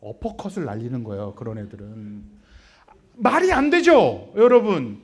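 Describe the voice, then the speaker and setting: A man preaching a sermon in church, talking to the congregation with rhetorical questions, sudden loud stresses and quiet asides. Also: mid-range voice, wildly swooping pitch, normal speed, breathy edge. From Korea. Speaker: pastor. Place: church sanctuary.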